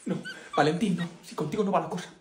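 A woman's voice: lowish voice, fast, a little mellow, a little hiss or hum, natural voice. A woman with a Spain Spanish accent voicing a nagging, dramatic, overprotective mother.

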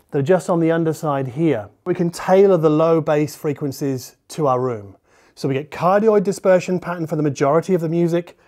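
An audio reviewer and presenter in his forties walks the camera through a product step by step, speaking informally. He has a slightly mellow voice that runs fairly high, and he's recording in a medium indoor living-room listening space.

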